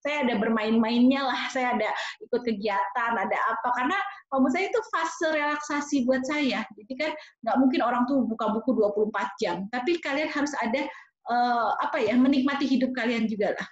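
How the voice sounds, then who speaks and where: Expressive high-voiced woman lecturing casually. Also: brisk. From Jakarta, Indonesia. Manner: expressive, fairly loud, chatty with fillers. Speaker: nursing lecturer. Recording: roomy, slightly dull lo-fi sound.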